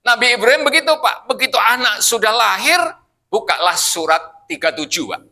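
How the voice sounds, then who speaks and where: Man, mosque preacher, casual sermon, bright voice, asks the congregation questions. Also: high voice, lively intonation, brisk. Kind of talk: casual evening Quran study sermon.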